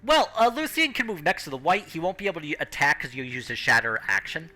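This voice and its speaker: A man's voice: fairly high pitch, sing-song, quick pace, bright, forceful tone. A man running a tabletop game as game master, narrating and explaining rules casually.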